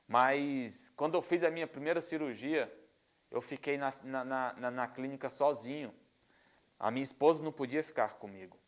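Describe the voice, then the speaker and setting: A man with a Brazilian accent telling an earnest religious testimony, often repeating phrases and restarting his sentences. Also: mid-range voice. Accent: Brazilian Portuguese. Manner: frequent restarts and stumbles. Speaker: testimony speaker.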